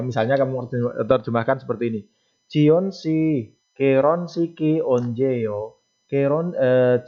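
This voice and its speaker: A man talks through test answers in a relaxed, chatty teaching voice, slipping in local phrases as he goes. His voice sits at an ordinary middle pitch. The sound is dull and somewhat lo-fi. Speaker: Korean language teacher. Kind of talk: casual explanation of test questions.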